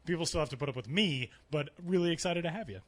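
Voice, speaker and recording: A man's voice: on the high side, expressive, quick pace, a bit bright. A man hosting a sports podcast in upbeat, chatty, informal style from a press box booth, with a slightly cave-like sound. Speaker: podcast host. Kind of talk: casual sports podcast chat.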